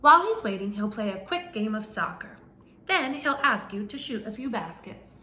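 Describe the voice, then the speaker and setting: Reading a picture book to little ones, this teacher keeps her medium-pitched voice swooping up and down with lively energy while speaking at a normal speed. She breaks off now and then to ask the children questions, and a faint steady hum sits under the echoey room sound.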